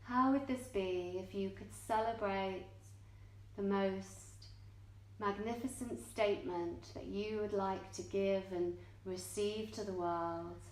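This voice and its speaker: Leading a guided meditation in an indoor yoga studio that echoes, a yoga nidra teacher speaks very slowly and gently. She keeps a medium pitch for a woman and fairly even intonation, pausing at length between short, measured phrases.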